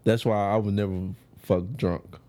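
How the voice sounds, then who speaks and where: A man's voice: lowish voice, level tone, moderate pace, warm tone. A man in his twenties in a casual podcast chat, talking in laid-back, slang-heavy banter. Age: 20s.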